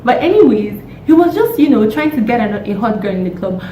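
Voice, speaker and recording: Young lady vlogging, kinda hoarse w a cold, exasperated chatty rant, roomy echo n mic a bit far. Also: mid-range voice, expressive, a little fast, dark tone. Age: young adult. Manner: exasperated, emphatic, scolding rhetorical questions. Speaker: YouTube vlogger. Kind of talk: casual opinionated chat. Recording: roomy echo, distant mic, faint noise.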